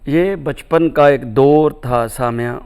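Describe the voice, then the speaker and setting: A man's voice: mid-range voice, takes it slowly, darkish tone, clear, resonant tone. A middle-aged man, a cartoonist guest, talking in a reflective interview with lofty, philosophical phrasing and recited couplets.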